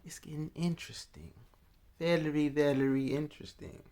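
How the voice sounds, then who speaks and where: A man with a warm, steady, fairly high voice talks at a normal speed. He's vlogging a casual reaction to news clips, musing aloud in loose slang full of restarts and asides.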